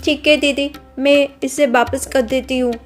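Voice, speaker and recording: A woman voicing a humble, gentle young woman, a maid's daughter, speaking politely and softly in a storybook drama. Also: sits high, steady tone, unhurried, soft background music. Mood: meek. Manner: polite, gentle, soft-spoken.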